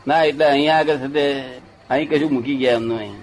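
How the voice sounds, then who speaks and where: A man's voice: mid-range voice, steady tone, quick pace, a little hiss or hum. An older man telling a rambling anecdote in casual chat, often checking that his listener follows. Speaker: storyteller.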